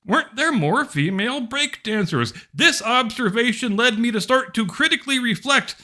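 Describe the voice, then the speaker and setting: A woman giving a dramatic reading of an academic text like a hammy stage actor, with theatrical, drawn-out emphasis. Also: on the high side, expressive, sharp tone. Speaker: host of a mocking dramatic reading.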